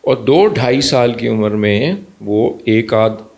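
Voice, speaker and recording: Doctor guy, gravelly voice, animated, throws in english bits. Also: medium pitch. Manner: animated, slips into Punjabi and English phrases. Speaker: pediatrician guest. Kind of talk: conversational explanation.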